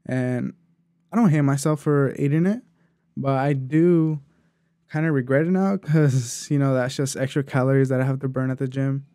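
A man with a mellow, warm voice at an average pitch, hosting his own podcast in a loose, rambling way. He drifts from thought to thought with lots of fillers. The sound is dry and close, with no room echo. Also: steady tone, brisk. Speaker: podcast host. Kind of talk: casual solo podcast talk.

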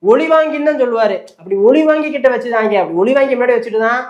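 Fast mocking commentary host, middle pitch, roomy dull-ish sound. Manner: fast, mocking storytelling with acted quotes. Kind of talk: satirical commentary. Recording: roomy, slightly dull recording.

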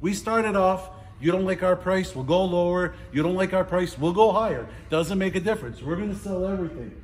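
A middle-aged man giving a casual walking tour of a large warehouse as an auctioneer, chatty and playful, listing items in quick repeats. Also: high voice, a little mellow. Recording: roomy warehouse echo, faint background noise.

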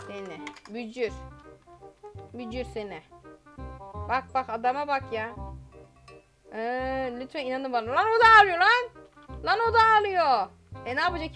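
Young woman gamer, high bright voice, chatty commentary over faint music. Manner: chatty, exclamatory, reads typed chat aloud. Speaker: gaming channel host. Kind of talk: game commentary while reading chat aloud.

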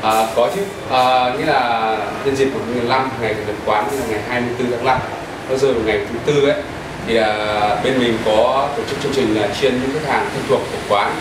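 Guy in his 30s, cafe owner, earnest and halting, far off in an echoey room w/ aircon noise. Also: medium pitch, fairly even intonation. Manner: earnest, many hesitation fillers. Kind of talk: casual interview answers. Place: inside a small cafe. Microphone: far camera.

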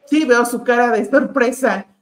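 A woman interviewer, asking measured, probing questions. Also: a little high, echoey room.

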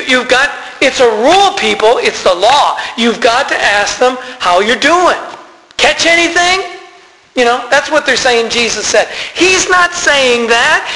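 High-voiced man preaching in a church. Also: bright, forceful tone, long reverb tail, poor audio. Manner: conversational preaching with call-outs to the congregation. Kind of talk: sermon. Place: church sanctuary.

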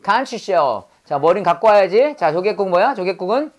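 A woman's voice: medium pitch, lively intonation, normal speed, darkish tone, dull audio. A woman teaching English vocabulary in a lesson, drilling words by repeating them and quizzing her students. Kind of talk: call-and-response language lesson.

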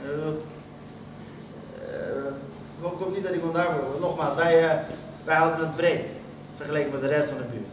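A man performing a spoken-word story on stage, animated and emphatic. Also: fairly high pitch, a little fast, pauses often. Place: stage in a hall. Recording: echoey stage, from far off, room noise.

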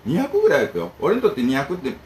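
A man's voice: on the high side, wildly swooping pitch, very fast, darkish tone, a little hiss or hum, rough recording. A man who runs a bento shop, talking casually and rambling to camera, jumping between complaints and advice. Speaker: bento shop owner and channel host.

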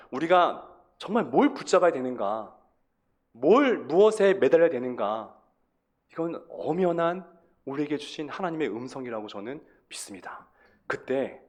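A man's voice: mid-range voice, a little mellow. A male pastor preaching a sermon, stressing words emphatically and asking the congregation rhetorical questions.

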